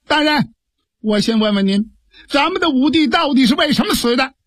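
A male storyteller voicing an earnest sworn brother who pleads forcefully with a grieving official, in traditional storytelling dialogue. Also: very high-pitched, animated, moderate pace, no echo, clean studio sound, voice pushed up. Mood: respectful.

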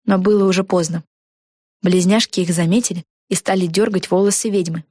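A woman narrating a children's storybook, telling it in an even, clear way. Her voice sits on the low side. The recording is dry and close. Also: fairly quick, dry recording.

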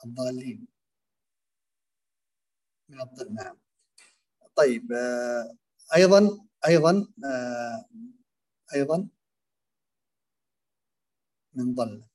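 A man teaching Quran recitation, explaining and demonstrating common pronunciation errors in a halting, filler-heavy way. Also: mid-range voice, a little mellow. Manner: hesitant, many fillers and restarts, demonstrates pronunciations aloud.

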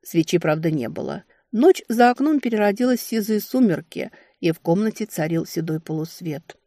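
A woman narrating a fantasy novel in a wry, expressive storytelling manner, recorded on a close mic. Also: lowish voice, normal speed, dry recording. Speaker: audiobook narrator.

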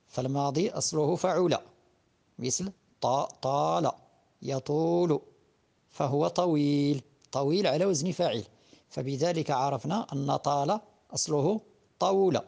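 A man with a Moroccan accent gives a patient grammar lesson, walking step by step through each word form. His voice sits somewhat high yet sounds soft and dark in tone. He often stops on long drawn-out fillers before repeating a form. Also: creaky. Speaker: teacher of Arabic grammar. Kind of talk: classroom-style lesson.

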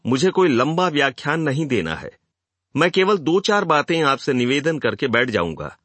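A man's voice: fairly high pitch, very animated, normal speed, no room sound, voice pushed up. An earnest reformer orating, as a man voices him. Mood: forceful. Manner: forceful, appealing oratory. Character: earnest male reformer addressing a hostile hall.

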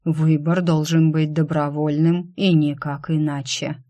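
A woman voicing a calm, cold male Death who speaks unhurriedly. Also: deep voice, a little slow.

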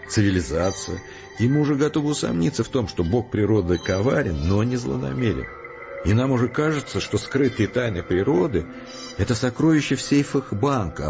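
In an audio drama, an actor with a fairly low male voice plays a resolute, philosophical scientist who is calm and determined. He explains things earnestly and deliberately, reasoning patiently in an intense mood. The recording sounds muffled, with prominent music behind him.

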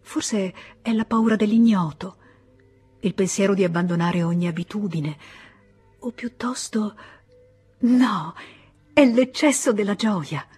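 A woman reading as a passionate young wife eager to run off with her lover, speaking in a tender, impassioned way that sometimes falls to a hush. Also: medium pitch, measured pace, pauses often, husky, soft background music. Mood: wistful. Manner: impassioned, at times hushed. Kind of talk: audiobook character reading.

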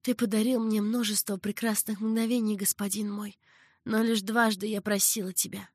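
A woman's voice: medium pitch, level tone, moderate pace, darkish tone, slightly rough, dry recording, studio quality. A woman voicing a passionate young concubine who pleads emotionally. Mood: pleading.

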